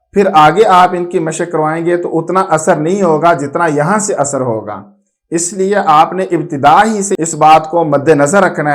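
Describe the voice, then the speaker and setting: Guy giving a quran reading lesson, kinda high voice, patient, stretches out the letter sounds. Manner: slow, drawn-out demonstration of letter sounds; patient, explanatory teaching. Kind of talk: instructional lesson.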